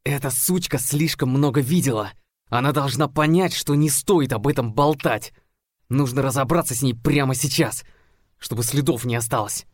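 A man's voice: medium pitch, normal speed, dry recording, pitched above the performer's own voice, natural voice. A man voicing a hostile, angry young man who hisses threats. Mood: hissing angry. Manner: hissing, aggressive.

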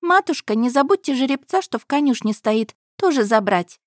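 A woman voicing a spiteful, bratty young noblewoman who talks in a shrill, demanding voice. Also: expressive, moderate pace, dry recording, clean studio sound. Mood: scheming.

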